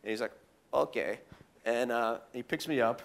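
A man telling goofy stories in a casual interview, animated and full of fillers. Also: mid-range voice, fairly quick. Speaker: guest speaker.

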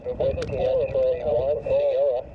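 A man's voice: medium pitch, flat delivery, takes it slowly. A man heard over fading shortwave radio reception, answering as an amateur radio operator in clipped call-sign and signal-report exchanges. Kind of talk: ham radio contact. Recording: dull, noisy shortwave radio speaker.

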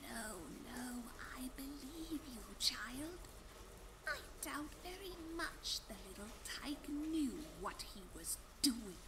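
A woman voicing a ragged old witch mare who speaks in a bitter, hoarse whisper. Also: sits high, animated, slow pace, background noise, voice pushed up.

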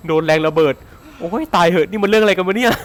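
Excitable man with a high, bouncy voice. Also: a little fast. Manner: excitable, swears and shouts often; laughs a lot. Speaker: gaming YouTuber. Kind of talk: excitable gameplay commentary.

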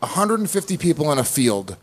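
A man co-hosting a comedy podcast, excitedly adding his side of the story. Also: on the high side, brisk. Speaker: podcast co-host.

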